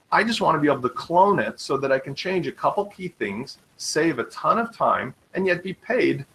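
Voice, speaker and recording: A man hosting a live web tutorial, talking fast and eagerly in an informal sales manner while demonstrating software. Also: mid-range voice, gravelly, poor audio. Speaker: webinar host.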